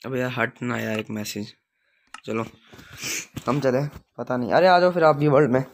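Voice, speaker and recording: Excitable gravelly-voiced male gamer. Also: mid-range voice, moderate pace, a little hiss or hum. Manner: excitable, chatty, calls out to viewers. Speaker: streamer. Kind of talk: live gameplay stream chat.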